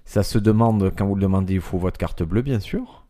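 A man's voice: low voice, normal speed, dark tone. A man from France co-hosting a casual podcast, giving practical travel tips with crude jokes. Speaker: podcast co-host.

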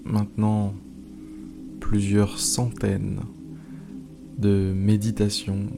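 A man hosting an improvised guided meditation, pausing often, repeating phrases and slipping into informal asides. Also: lowish voice, completely flat delivery, gravelly. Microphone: speaking into a microphone. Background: music.

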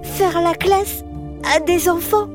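A woman's voice: very high voice, steady tone, takes it slowly, music in the background, voice pushed up. A woman voicing a little girl who is crying as she speaks. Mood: tearful pleading. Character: little girl, tearful and earnest.

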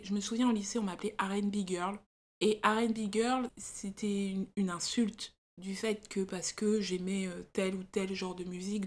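A woman interview guest, a magazine founder, talking reflectively in a casual way. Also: medium pitch. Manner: reflective, conversational.

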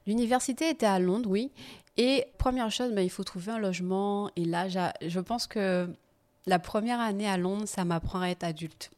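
Lively woman telling her story. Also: medium pitch, moderate pace. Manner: lively, laughing, animated when telling anecdotes. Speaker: podcast guest. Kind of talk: casual storytelling interview.

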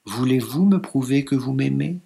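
A man's voice: medium pitch, normal speed, gravelly, warm tone, close to an everyday voice. A man reading as an eager young husband. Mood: coaxing.

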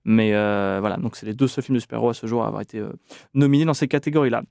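A man's voice: medium pitch, rapid-fire, vocal fry, darkish tone, dry recording. Chatty male podcast host with dry sound. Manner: chatty, many fillers, relishes film trivia. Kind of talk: casual film podcast chat.

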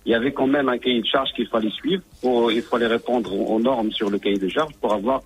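A man calling in to a radio show over the phone, speaking haltingly and often restarting his words. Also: medium pitch, fairly even intonation, breathy edge. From Morocco. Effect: caller on a phone line into a radio show.

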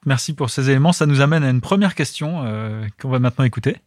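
Mid-pitched man hosting a podcast. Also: lively intonation, fast talker, dry recording. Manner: short backchannels, laughs along. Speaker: podcast host. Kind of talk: interviewer.

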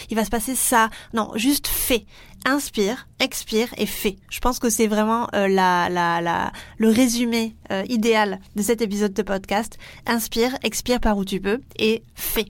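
A woman's voice: mid-range voice, no echo. A young adult woman with a French accent hosting a solo podcast, talking earnestly and encouragingly with many fillers and restarts. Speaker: podcast host and teacher trainer.

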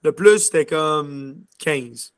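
A young man from Quebec, a junior hockey player, speaks as an interview guest in a Quebec French accent, chatting casually and rambling with plenty of filler words. His voice sits fairly high, with a clear, resonant tone, and he takes his time. The recording is clean studio sound with no room echo.

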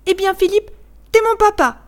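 A woman's voice: extremely high pitch, moderate pace, pitched above the performer's own voice. A woman voicing a small tearful boy who stammers and sobs as he speaks. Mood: eager. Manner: stammering, sobbing.

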